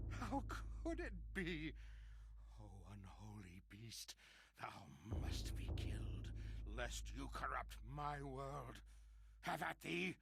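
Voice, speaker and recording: An actor playing a deranged man who raves about monsters, lurching between hoarse whispers and manic shouts in a theatrical horror monologue. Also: on the high side, full character voice. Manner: theatrical, archaic turns of phrase. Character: deranged male survivor raving about monsters.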